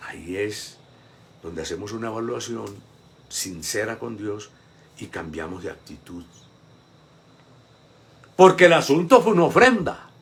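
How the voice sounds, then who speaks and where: A male pastor giving a devotional sermon, swinging between emphatic rhetorical questions and hushed low asides. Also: sing-song, unhurried, pauses often.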